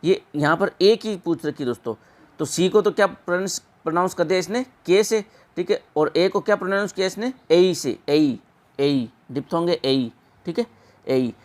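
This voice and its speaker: A man teaching an exam-prep English pronunciation lesson, repeating words slowly and drawn out. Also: sits high.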